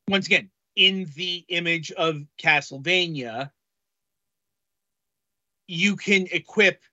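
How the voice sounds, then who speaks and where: Slow, hesitant man with a bright voice. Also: a little high, dry recording, highs cut off. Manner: halting, heavy on fillers. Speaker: podcast co-host reviewing games. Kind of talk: casual review chat.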